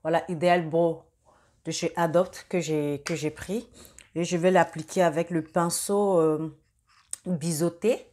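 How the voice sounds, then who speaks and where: A young woman talking through a makeup tutorial in a casual, halting way, with many fillers and restarts. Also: on the low side, fairly even intonation, a little mellow. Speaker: beauty vlogger.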